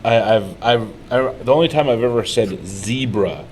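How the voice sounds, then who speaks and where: A man's voice: medium pitch, moderate pace, a little mellow, slight background noise, poor audio. A man co-hosting a casual miniature-painting tutorial, rambling and telling stories with plenty of fillers. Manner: rambling, storytelling, frequent fillers.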